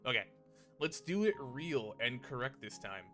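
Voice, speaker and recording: The streamer is very animated as he comments casually on a visual novel, reading its text aloud and dropping the odd swear word. His mid-range voice is fairly bright and unhurried, set against game music.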